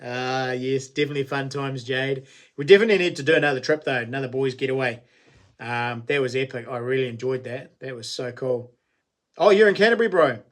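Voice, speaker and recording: Reading viewer comments and firing back answers, a broad-accented New Zealander in his late forties keeps his livestream chat casual, blokey and full of slang. His mid-range voice is steady and fairly bright, moving at a fairly quick clip.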